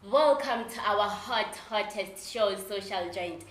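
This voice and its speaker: A woman's voice: medium pitch, slow pace, a bit bright. South African woman hosting, echoey room. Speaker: show host, interviewer. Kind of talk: casual interview. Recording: echoey room with faint background noise.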